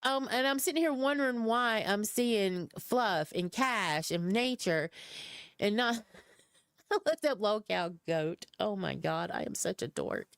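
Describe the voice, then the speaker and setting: A woman's voice: mid-range voice, animated, a little slow, vocal fry, a bit bright, clear, resonant tone, dry recording, studio quality. A woman with a Southern US accent chatting casually on a live stream, rambling and self-deprecating. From American South. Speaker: streamer host.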